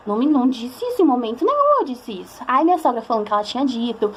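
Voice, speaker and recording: This young Brazilian vlogger speaks with a Brazilian Portuguese accent, her fairly high voice very animated and very fast, with a slight hiss or hum on the audio. She tells her viewers a personal story in a chatty, emotional way, acting out the voices of the people she quotes.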